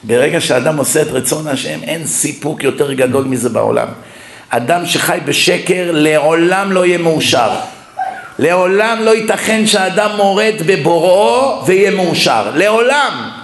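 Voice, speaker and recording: A man with a fairly high voice preaches a lecture sermon, weaving funny anecdotes into his teaching. The room echoes around him. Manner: lively anecdotal preaching with humor. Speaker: rabbi giving a public lecture. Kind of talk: sermon with storytelling. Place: lecture hall.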